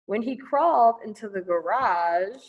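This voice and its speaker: The recording has its highs cut off, carrying a medium-pitched, animated woman's voice at a measured pace. She's a children's librarian hosting storytime, reading playfully and commenting aloud with excited little asides.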